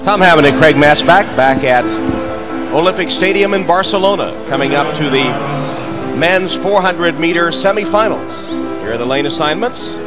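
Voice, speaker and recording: A man calling a track race in brisk play-by-play, heard from an old TV broadcast recording over a stadium crowd. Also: on the high side, over loud music. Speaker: sports commentator. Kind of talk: live track commentary.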